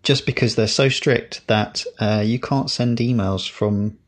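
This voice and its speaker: A man's voice: fairly low pitch, fairly even intonation, unhurried. A man co-hosting a podcast, chatting casually with frequent fillers and restarts. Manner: rambling, hesitant, many fillers. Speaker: podcast co-host. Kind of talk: casual chat.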